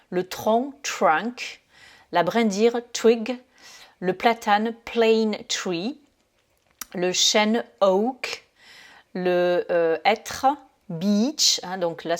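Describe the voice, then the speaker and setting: A woman gives a vocabulary lesson at a slow, unhurried pace, pausing often with fillers. She says each word in French and then slowly speaks its English form. Her voice sits at an ordinary middle pitch. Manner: many hesitations and fillers. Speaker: English teacher.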